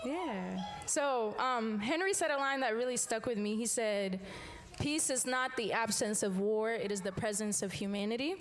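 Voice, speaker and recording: A young Sudanese woman who teaches performs spoken word poetry live for an audience in an event room. Her voice is a little high and moves at a normal speed, driving a rhythmic, emphatic refrain.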